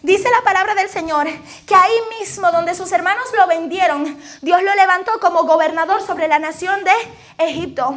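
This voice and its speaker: A woman pastor preaching a lively sermon to a congregation, laughing often and calling out praises. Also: very high-pitched, normal speed. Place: church in front of a congregation.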